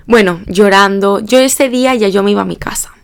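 A young woman of about eighteen, hosting a podcast and telling a personal story in a rambling, animated, self-mocking way. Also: medium pitch, brisk, gravelly, clean tone. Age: young adult, about 18. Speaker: podcast host.

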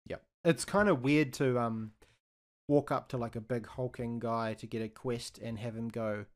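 A man chats loosely about games on a podcast. His voice sits at an ordinary mid pitch, and he fills his talk with ums and quick restarts. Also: steady tone. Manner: chatty, frequent ums and restarts. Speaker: podcast co-host. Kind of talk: casual gaming chat.

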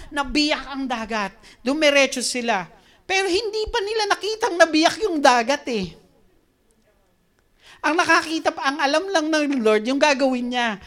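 A woman delivering a sermon in a somewhat high voice. She reads scripture softly and slowly. Then she swells into lively, emphatic exhortation. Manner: animated, swings between soft scripture reading and emphatic exhortation. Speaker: preacher.

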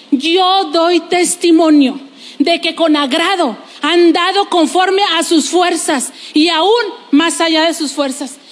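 Woman pastor, very high voice, lively sermon, long church-hall reverb. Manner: lively preaching with testimony and playful asides.

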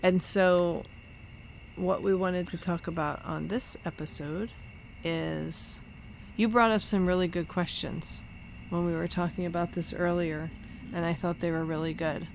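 A woman's voice: on the low side, fairly even intonation, measured pace, creaky, a little hiss or hum, low-quality recording. A woman hosting a podcast in casual conversation, recorded outdoors in a backyard. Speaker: podcast host.

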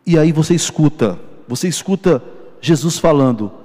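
A man preaching a sermon, telling a personal testimony with slow, emphatic repetitions. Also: fairly high pitch, animated, dark tone, in a large hall. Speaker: pastor.

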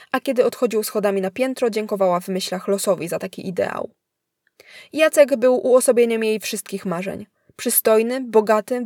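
A woman narrating a thriller story in a steady, measured reading voice. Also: mid-range voice, no echo, clean studio sound. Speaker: audiobook narrator.

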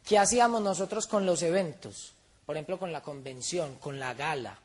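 Man, high-pitched voice, motivational seminar speaker, emphatic, rhetorical questions. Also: moderate pace.

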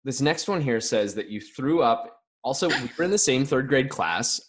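A young man hosting a relaxed interview, laughing easily and apologizing when he pries. His pitch rises and falls in lively swings as he chats. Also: moderate pace. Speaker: podcast host. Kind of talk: casual interview chat.

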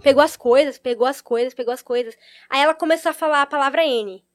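A woman telling a long personal story in casual chat, animated and acting out the lines of the people in it. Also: high voice, quick pace. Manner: animated, acts out quoted lines.

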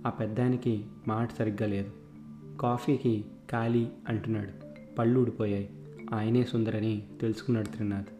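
A man narrating a story in a steady, plain way. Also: fairly low pitch, fairly quick. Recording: echoey room with faint music.

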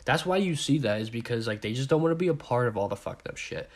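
A man's voice: medium pitch, lively intonation, fast. A man in his twenties with covid, a little out of breath, ranting in a rambling, profane solo podcast and repeating his words. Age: 20s. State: sick with covid, short of breath. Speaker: podcast host.

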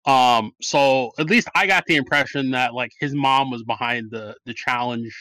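A podcast host rambling casually through a movie review, full of fillers and restarts. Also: male voice, mid-range voice, normal speed, bright, forceful tone, dry recording, poor audio.

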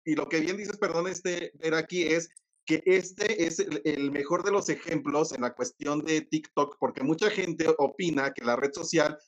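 Man, co-host, slightly high voice, thoughtful, hesitant. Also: normal speed, poor audio. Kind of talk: casual interview chat.

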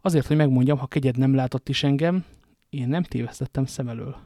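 A guy reading a cold grim nobleman from a storybook, low and measured, dry sound. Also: mellow, no room sound, lightly acted. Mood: accusing.

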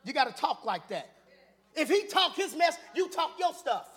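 A man delivers a Sunday sermon as a church elder in a voice pitched unusually high. His tone is sharp and forceful. He jokes with the congregation and often climbs into fervent shouting. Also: moderate pace. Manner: animated, builds to shouting; playful, teasing asides to the congregation.

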